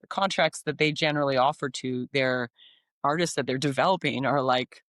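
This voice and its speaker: A woman's voice: very deep voice, a little fast, a bit bright, no room sound, clean studio sound. A woman in her forties from Canada, a singer-songwriter talking in a casual interview, upbeat and enthusiastic with frequent ums and restarts. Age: 40s.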